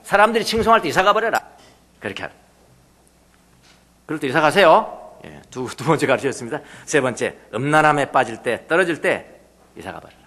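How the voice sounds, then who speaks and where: Guy preaching a sermon, kinda high voice, swings up and down a lot, chuckles as he goes. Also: a little fast, long pauses. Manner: animated storytelling, dropping to quiet asides; laughs often while preaching. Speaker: pastor.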